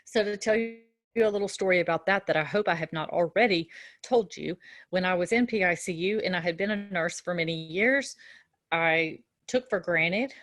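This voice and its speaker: Woman, middle-aged, nursing lecturer, conversational, lowish pitch. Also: moderate pace, a bit bright, no room sound, studio quality. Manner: conversational, with frequent fillers and restarts. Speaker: nursing instructor. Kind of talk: recorded lecture with a personal story.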